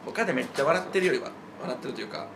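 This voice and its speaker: Guy chatting fast, faint hiss behind. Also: mid-range voice. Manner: relaxed, chatty, frequent backchannels. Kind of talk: casual chat.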